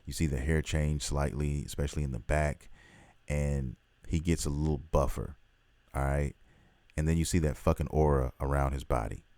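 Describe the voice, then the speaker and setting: A man hosting a casual vlog, talking excitedly in a rambling way and swearing freely. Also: rumbling low, normal speed, dry recording. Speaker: host.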